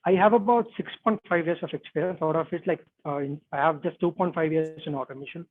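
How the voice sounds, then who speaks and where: A man speaks over a bad video-call connection that leaves his voice thin and narrow. His voice sits a little high, with a dry, close sound. He talks hesitantly as a guest, filling pauses with "like" and "uh". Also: fairly even intonation, dry recording. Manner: hesitant, many "like" and "uh" fillers. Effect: bad connection, narrow phone-like call audio. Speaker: interview guest, software tester.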